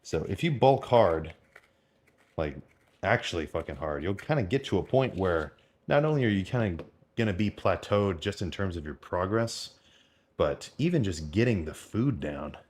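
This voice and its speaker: A man's voice: low voice, lively intonation, moderate pace, a little mellow. A man in his twenties chatting in a casual, rambling, slangy way, as a fitness vlogger. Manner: rambling, informal, full of slang and mild swearing. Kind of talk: casual unscripted vlog chat about eating and training.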